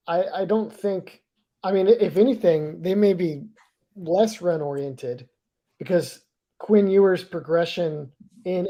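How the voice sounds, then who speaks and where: A man giving casual football analysis, thinking aloud with halting restarts. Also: fairly high pitch, mellow.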